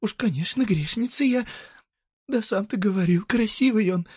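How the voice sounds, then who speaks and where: Man voicing a young peasant woman, high pitched, pleading, coaxing, dry audiobook sound. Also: normal speed, darkish tone, breathy edge, no room sound. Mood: pleading, urging.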